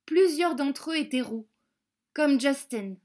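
A woman reading a children's storybook aloud, slow and careful, repeating words for young learners. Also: high-pitched, expressive, darkish tone. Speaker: audiobook reader.

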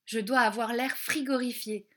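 A woman reading a children's storybook aloud, slowly and carefully spelling out each word, with little English lessons woven in. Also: fairly high pitch, fairly even intonation, bright, forceful tone, slight background noise. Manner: slow, careful, clearly spelled-out words. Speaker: audiobook reader.

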